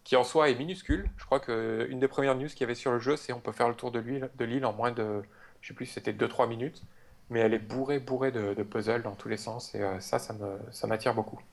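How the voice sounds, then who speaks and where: A man co-hosting a podcast in casual chat, talking in a hesitant way with many filler pauses. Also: medium pitch, fairly even intonation, creaky. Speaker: podcast co-host.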